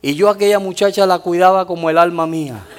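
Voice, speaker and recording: A male pastor delivers a sermon at a church, telling his stories in a lively, animated way. His voice sits high for a man, and he keeps punctuating his points with amens. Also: fast talker, slight background noise. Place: church in the United States.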